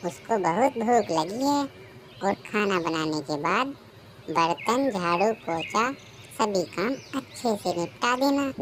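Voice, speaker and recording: A woman's voice: mid-range voice, lively intonation, slow pace, slight background noise. A woman voicing a bossy stepmother sparrow in a cartoon, giving orders. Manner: commanding. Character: bossy stepmother sparrow, sweet turning harsh. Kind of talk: cartoon voice acting.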